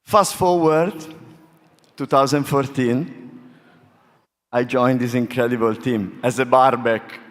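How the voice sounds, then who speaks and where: A man with an Italian accent, native in Italian, speaks slowly and haltingly from a stage, his voice ringing through a big hall. He delivers an emotional acceptance speech at a middling pitch, often repeating phrases. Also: fairly even intonation. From small town in Italy. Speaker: award-winning bartender giving an acceptance speech. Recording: reverberant large hall PA sound.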